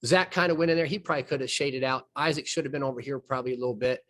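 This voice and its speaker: A man coaching basketball, talking through game footage in a plain mid-range voice. He explains each play patiently and folksily, often pausing and restarting his sentences. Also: medium pitch, steady tone, fairly bright tone. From southern United States. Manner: folksy, explains plays step by step, trails off and restarts. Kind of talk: film breakdown conversation.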